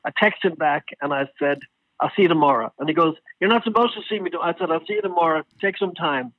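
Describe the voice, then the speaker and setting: A man being interviewed as a guest singer, telling stories in a casual, animated way and acting out what others said. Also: fairly high pitch, fast talker, no room sound. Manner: animated storyteller, acts out quoted exchanges. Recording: tinny phone line.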